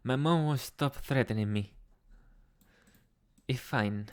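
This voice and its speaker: A man's voice: mid-range voice, slow, clean tone. A man hosting a casual livestream, reading chat messages aloud and answering them in a chatty, rambling way with frequent laughs. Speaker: ASMR livestream host.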